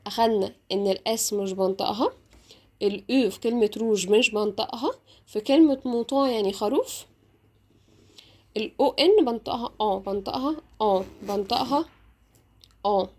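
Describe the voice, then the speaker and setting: A woman with an Egyptian Arabic accent teaching beginners French, saying words slowly and repeating them, then explaining in quick asides. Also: medium pitch, a little mellow. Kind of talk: beginner language lesson with slow drilled repetition.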